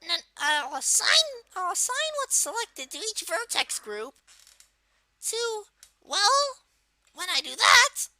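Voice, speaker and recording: A person voicing a bratty male cartoon Koopa creature, giving a casual, unscripted software tutorial in a halting, self-correcting way. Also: very high voice, big pitch swings, dry recording, exaggerated voice. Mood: explaining, halting. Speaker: tutorial host.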